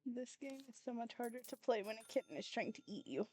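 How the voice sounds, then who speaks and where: A woman's voice: on the high side, animated, quick pace, darkish tone, husky. A woman streaming a game in casual chat, playfully scolding her kitten in baby talk.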